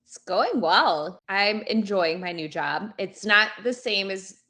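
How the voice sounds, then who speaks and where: A woman's voice: mid-range voice, expressive, slow, sharp tone. A woman chatting in an easygoing way as a guest on a casual podcast. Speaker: guest, business co-owner.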